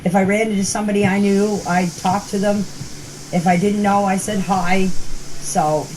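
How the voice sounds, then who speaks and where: Unhurried and fairly even in intonation, an older woman with a medium-pitched, darkish voice informally describes events as her own account. The phone voice messages are noisy amateur recordings, and she speaks hesitantly and repetitively.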